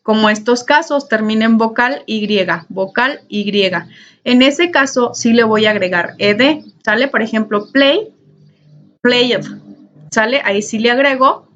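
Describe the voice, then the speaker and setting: A woman's voice: a little high, a little slow, fairly bright tone, slight background noise. A woman, teaching an online English grammar class in a patient, repetitive way and checking in often. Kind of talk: recorded online class lesson. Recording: dull lo-fi recording.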